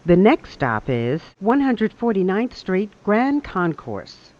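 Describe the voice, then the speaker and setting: A recorded subway announcer heard over a train loudspeaker, speaking in measured, evenly spaced phrases. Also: mid-range voice, big pitch swings, muffled recording. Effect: played over a train loudspeaker.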